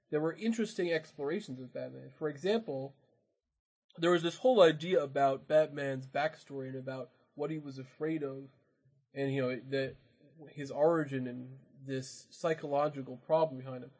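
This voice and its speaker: A man's voice: on the high side, darkish tone, breathy edge, rough recording. A man in casual, rambling, opinionated chat as a podcast co-host. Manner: rambling, opinionated, many restarts.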